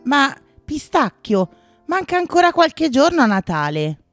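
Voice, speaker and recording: Woman doing a high fussy little skunk. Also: very animated, measured pace, no room sound, soft background music. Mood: sleepy. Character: sleepy, fretful female skunk friend. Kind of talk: children's storybook reading.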